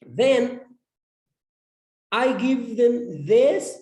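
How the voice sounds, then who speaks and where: Male English teacher, unhurried, halting delivery with repeated words; echoey room sound. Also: very high-pitched, lively intonation, dark tone. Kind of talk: explaining a classroom lesson plan. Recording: roomy echo.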